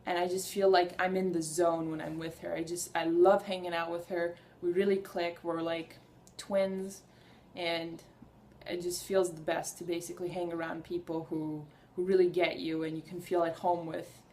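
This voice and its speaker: Her voice is fairly low, level in tone, a little mellow, and at normal speed. She's a young adult whose first language is Hungarian, vlogging casually to camera with earnest enthusiasm, rambling slightly and restarting her sentences.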